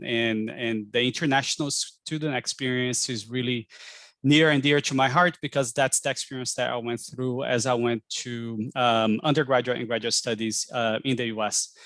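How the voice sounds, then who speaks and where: A man's voice: mid-range voice, a bit bright, dry recording. Chatty man hosting a webinar. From Brazil. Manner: chatty, friendly, frequent ums. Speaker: admissions director hosting an info session. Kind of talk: webinar presentation. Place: home pottery studio. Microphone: video call.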